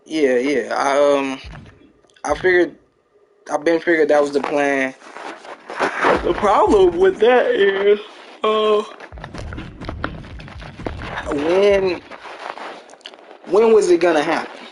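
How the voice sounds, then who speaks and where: A man's voice: fairly high pitch, slow, long pauses, noisy background. A young man chatting casually and rambling to his viewers while streaming a game. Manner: laid-back, rambling, talks to chat. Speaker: gaming streamer. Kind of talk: casual gameplay chat with viewers.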